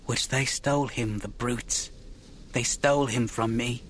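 A man's voice: medium pitch, steady tone, a little slow, a bit bright, slight background noise, close to an everyday voice. A man reading an audiobook voices a flustered old servant woman who speaks breathlessly and fawningly, in dialect grammar.

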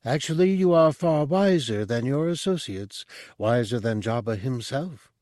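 A telepathic spider-bodied monk speaks in a voice pitched well above the reader's own, soft and measured, coaxing a listener toward his offer, as a man puts him on. He is a non-human figure in an audiobook, calm and persuasive. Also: dry recording, studio quality, natural voice.

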